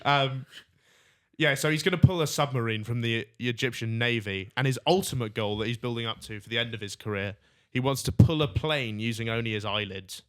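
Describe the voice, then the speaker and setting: Joking through a casual comedy podcast, this co-host also runs the quiz game. He has a medium-pitched, clean-toned voice and speaks fairly quickly.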